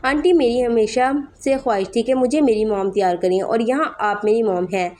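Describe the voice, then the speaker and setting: A woman voicing a shy, sweet young bride in a Hindi horror story, speaking softly. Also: a little high, normal speed, slight background noise, natural voice. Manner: soft and shy.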